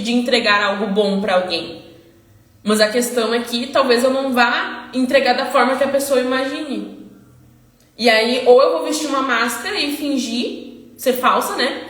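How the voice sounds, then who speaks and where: A woman hosting a casual motivational live talk, animated and answering questions she imagines from her audience. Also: high-pitched, echoey room. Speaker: live-stream host.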